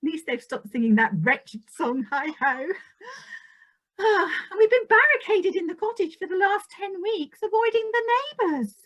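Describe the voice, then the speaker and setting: A very high, plaintive voice, a woman playing a disillusioned fairy-tale princess in a comic pantomime. She sounds young, mopey and given to sighing. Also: animated, normal speed, a bit bright.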